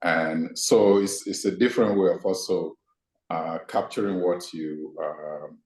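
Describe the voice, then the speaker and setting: Deep-voiced man, echoey room. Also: fairly even intonation, darkish tone. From Nigeria. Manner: measured, thoughtful, deliberate. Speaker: guest scholar. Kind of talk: reflective interview answers.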